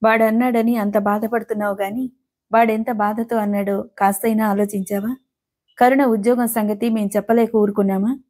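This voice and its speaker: A woman's voice: on the high side, little pitch movement, normal speed, a little mellow, natural voice. Woman reading as a pained ailing mother. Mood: pained anger. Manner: pleading, pained. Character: gentle ailing middle-aged mother, pushed to anger.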